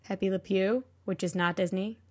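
A woman's voice: medium pitch, fairly even intonation, moderate pace, darkish tone, breathy edge. A woman co-hosting a podcast in casual chat, rambling with lots of fillers and laughs. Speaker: podcast co-host.

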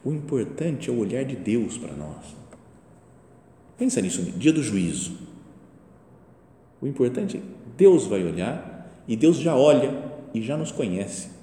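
A man gives a spiritual meditation in a relaxed, chatty way, asking one rhetorical question after another. His voice is warm and mellow, and his pitch rises and falls a lot. It is recorded in a hall with long reverb and faint room sound behind him. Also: a little slow, long pauses. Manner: conversational, with frequent "né?" and rhetorical questions; acts out imagined voices in quotes. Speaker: preacher. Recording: echoey hall with faint ambience.

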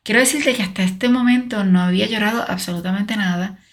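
A woman's voice: medium pitch, fast. A middle-aged woman telling her own faith testimony, speaking earnestly and straight to the listener. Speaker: podcast host sharing a personal testimony.

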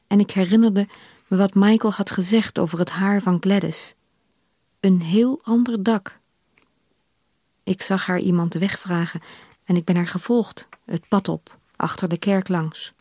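Woman reading a novel, measured. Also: mid-range voice, dark tone, no room sound, clean studio sound. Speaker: reader of her novel. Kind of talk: literary reading on radio.

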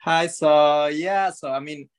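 A man's voice: a little high, fairly even intonation, takes it slowly, clear, resonant tone. Man hesitating with many "I mean"s. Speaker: podcast co-host, guest. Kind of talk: casual interview.

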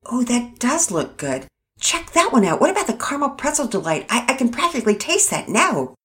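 A woman's voice: on the high side, very animated, fairly quick, a bit bright, pitched above the performer's own voice. A woman voicing an earnest young boy who hesitates and stammers a little. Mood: eager. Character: eager polite young boy, sweet-toothed.

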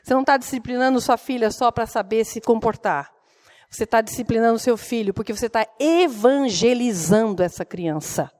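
A woman's voice: fairly high pitch, darkish tone. Earnest woman preaching. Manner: emotional storytelling, earnest. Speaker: preacher and mother. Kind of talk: sermon.

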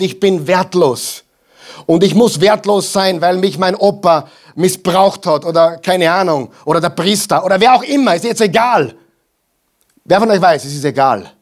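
A man preaching a sermon with emphatic repetitions and mocking asides, swinging between loud and quiet. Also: high-pitched. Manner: emphatic, repeats lines for the crowd to echo.

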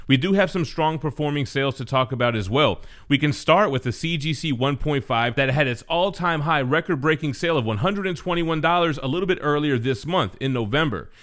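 A man with a fairly high-pitched voice co-hosts a top ten countdown. He presents each item conversationally, with casual slang mixed into the commentary. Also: expressive, fairly quick, few pauses, fairly bright tone. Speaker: co-host of comic book countdown show.

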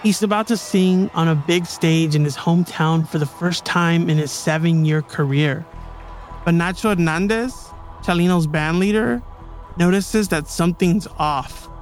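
A man's voice: on the high side, measured pace. A man hosting a podcast, telling a true story in scripted documentary narration. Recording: music bed behind the voice.

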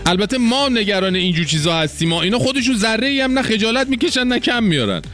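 A man with a high voice delivers mocking satirical commentary as a host. He talks colloquially and sarcastically, with faint music behind him. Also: animated, a bit bright.

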